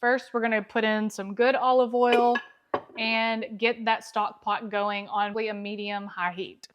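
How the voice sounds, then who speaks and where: A woman's voice: a little high, level tone, measured pace, lo-fi sound, noisy background. A woman hosting a home cooking video, explaining each step in a friendly, conversational way from her kitchen. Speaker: cooking channel host. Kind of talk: casual cooking demonstration.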